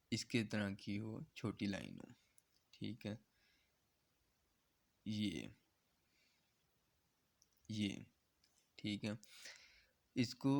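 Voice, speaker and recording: A man's voice: fairly low pitch, gravelly. A man from Pakistan teaching a step-by-step lesson. He talks patiently and checks in with "okay" after nearly every point. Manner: patient, repeats "theek hai" to check understanding; encouraging, earnest in closing advice. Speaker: shorthand teacher.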